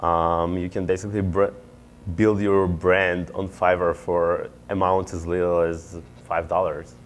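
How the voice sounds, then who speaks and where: A very deep-voiced man from Israel, an MBA student and startup founder, answers interview questions. He speaks unhurriedly in a level tone, earnest and explanatory with occasional fillers, over a little hiss or hum.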